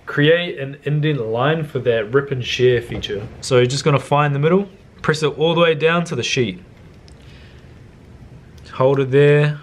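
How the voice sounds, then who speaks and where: A young man casually talking through a bread recipe in his home kitchen, laid-back and slangy, picked up by the camera mic. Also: on the high side. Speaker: cooking vlogger. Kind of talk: casual cooking demonstration.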